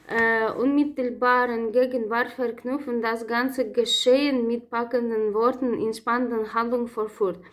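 A woman with a fairly high voice reads a prepared lecture from her notes. She stops often on filler sounds and corrects herself partway through words. Her delivery stays steady and lecture-like. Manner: reads from notes with frequent "äh" hesitations and self-corrections. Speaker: presenter of a literature talk. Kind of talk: read-aloud lecture.

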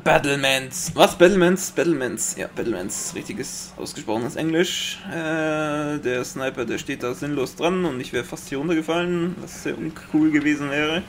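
A young man with a Bavarian accent giving excitable Let's Play commentary, swearing often and making sound-effect noises. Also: fairly high pitch, normal speed, hardly any pauses, slight background noise. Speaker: gaming commentator.

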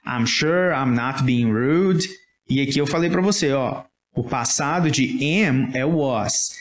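A man with a Brazilian Portuguese accent teaches a casual English lesson, explaining patiently and often checking understanding with "tá?". His voice is mid-range and he speaks slowly. The recording has a roomy echo.

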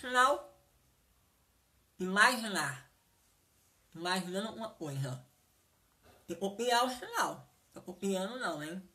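A woman's voice: medium pitch, expressive, measured pace, pauses often, sharp tone. A woman teaching sign language vocabulary, saying each word and repeating it, often checking whether the class has understood.

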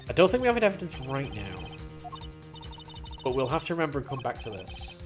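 Gamer reading game text aloud, playful commentary, very animated pitch, soft game music underneath. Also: fast talker. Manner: playful, jumps into higher character voices. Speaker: let's play gamer.

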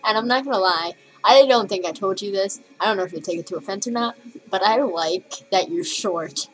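A teenage girl records a rambling video message in her bedroom, giggling nervously and swearing freely as she talks. Her voice sits at a middle pitch for a woman. Faint music plays behind her. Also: brisk, low-quality recording. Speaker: vlogger. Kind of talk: casual video message to a crush. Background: faint music playing.

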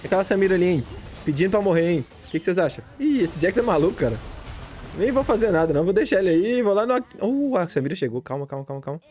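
A man from Brazil, a gaming streamer giving excited, jokey commentary as he plays, repeating his callouts and shouting at big plays. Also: high voice, fast talker, soft background music.

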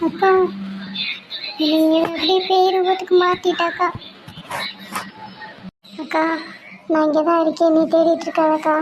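A woman's voice: extremely high pitch, little pitch movement, unhurried, pauses often. A woman voicing a frightened younger sister turned into a ghost, calling urgently for her elder sister, in a noisy recording. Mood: pleading. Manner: pleading, urgent.

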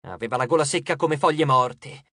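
A man narrating an audiobook in a steady, expressive storytelling voice. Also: medium pitch, fairly quick, no echo, clean studio sound. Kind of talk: scripted narration.

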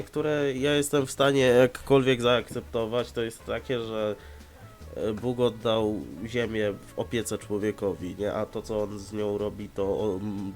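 A man's voice: lowish voice, a little mellow. A man with a slightly stuffed-up, nasal voice giving casual, blunt and sarcastic reaction commentary. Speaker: host of a reaction video.

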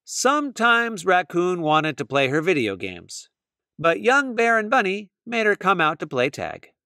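A man reading a children's picture book aloud, slow and expressive. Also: high-pitched, no echo, studio quality. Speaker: storybook reader. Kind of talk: children's read-aloud narration.

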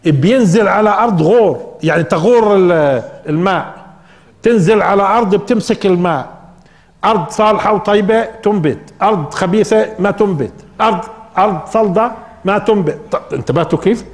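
A man's voice: high voice, a little fast. An older Levantine Arabic-speaking preacher delivers a spoken Quran interpretation lesson. He questions his listeners rhetorically and repeats key lines for emphasis. His slightly raised voice carries a long reverb, as in a large hall. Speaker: Islamic preacher and teacher.

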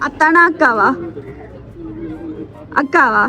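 High-voiced Sri Lankan Tamil woman. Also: lively intonation, slow, pushed and bright, a faint crowd. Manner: coaxing, questioning, playful teasing. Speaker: surprise delivery presenter. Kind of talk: lively on-the-spot chat with a family.

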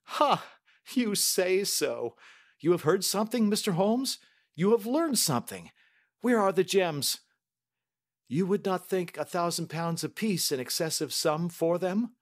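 Guy doing a frantic older banker, pleading, voice pushed up high. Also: moderate pace, few pauses, lightly acted. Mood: desperate. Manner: pleading and overwrought. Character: distraught older male banker, grief-stricken, excitable.

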